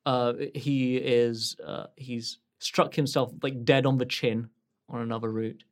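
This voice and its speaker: A man's voice: mid-range voice, little pitch movement, measured pace. A man narrating as game master of a tabletop game, hesitant and full of fillers. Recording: narration over clear music.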